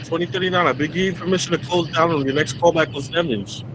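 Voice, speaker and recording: Fast-talking male radio dispatcher, very noisy. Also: a little high. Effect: two-way radio. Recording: radio transmission with very loud noise.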